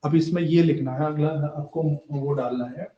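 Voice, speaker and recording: A man in his thirties teaching an exam-prep lesson, explaining step by step and often checking in with "है ना". He sometimes slows down to dictate notes. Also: on the high side, steady tone, mellow. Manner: explanatory, frequent "है ना" tag questions. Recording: echoey room, dull lo-fi audio.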